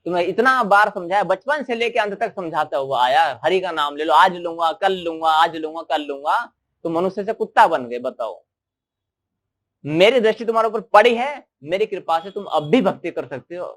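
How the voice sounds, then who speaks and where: A man doing the sage Narad Muni, stern and high. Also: animated, normal speed, fairly bright tone. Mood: scolding. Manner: stern, lecturing, chanting the Lord's name. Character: Narad Muni, a wandering male sage, scolding.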